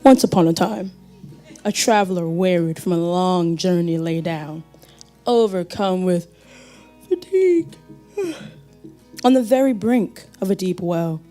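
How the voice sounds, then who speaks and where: A woman's voice: on the low side, normal speed, warm tone, soft background music. A woman performing a storytelling monologue on stage with a dramatic delivery.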